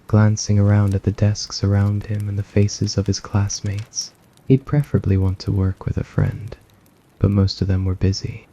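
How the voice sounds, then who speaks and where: A man narrates an ASMR story in a low, husky voice full of gravelly fry. His delivery is soft and scripted, and the recording sounds slightly dull and lo-fi.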